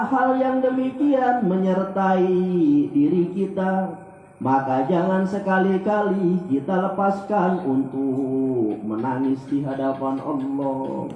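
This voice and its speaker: A man preaching an Islamic sermon, rising into loud pleading prayers and then dropping low and slow. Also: lo-fi sound. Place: Islamic boarding school hall. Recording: very echoey hall.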